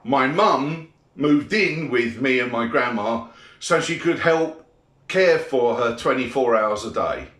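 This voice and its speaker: A man's voice: mid-range voice, animated, slow, a bit bright. A middle-aged British man giving a blunt, sweary opinion monologue in a grumpy old man's grumbling manner. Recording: echoey room.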